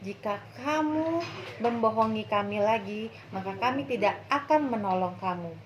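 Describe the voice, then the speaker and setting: A woman's voice: mid-range voice, normal speed, slight background noise, lightly acted. A woman voicing a group of village farmers in a storybook tale, asking urgent questions and scolding. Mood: annoyed. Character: worried, then annoyed village farmers.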